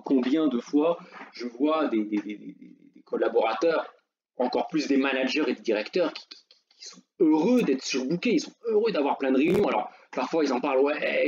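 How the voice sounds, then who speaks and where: A man's voice: medium pitch, a little mellow, husky. A middle-aged man talking casually in an unscripted monologue, full of fillers and repeated words. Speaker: personal finance YouTuber. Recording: slightly dull lo-fi sound.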